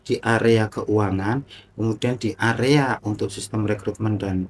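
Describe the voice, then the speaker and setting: A man's voice: fairly low pitch, steady tone, measured pace. A man as podcast guest, explaining cases patiently, step by step with examples. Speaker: guest expert on internal oversight.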